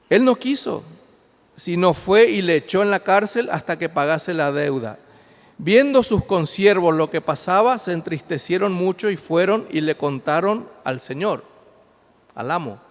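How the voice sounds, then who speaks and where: A pastor preaching a sermon, reading scripture aloud and explaining it, swinging between loud emphasis and quiet asides. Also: male voice, sits high. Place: church. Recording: long hall reverb.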